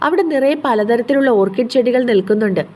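Warm Malayali woman narrating a story. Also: a little high, quick pace. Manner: steady storytelling. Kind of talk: scripted audio story narration.

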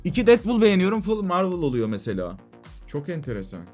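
A young man rants on a casual live stream, his voice a little higher than most men's. He talks very fast, jumping between loud outbursts and low mutters. Faint music plays behind him. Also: wildly swooping pitch.

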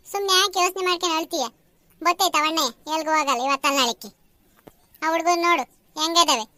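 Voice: very high-pitched, sharp tone, dry recording, heavily acted. A performer voicing pleading village women at a temple in a cartoon. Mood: relieved. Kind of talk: cartoon voice acting.

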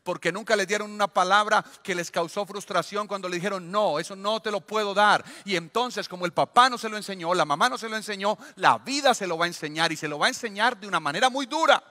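Male pastor, high bright voice, emphatic sermon delivery. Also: quick pace, few pauses, big-room sound. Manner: emphatic preaching, acting out parents and children.

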